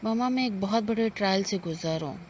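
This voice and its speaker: A woman voicing a heartbroken young man who speaks softly, slowly and wearily. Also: medium pitch, natural voice. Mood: weary. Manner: quiet, slow and tired. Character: weary heartbroken young man, soft-spoken son. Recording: dull lo-fi with faint noise.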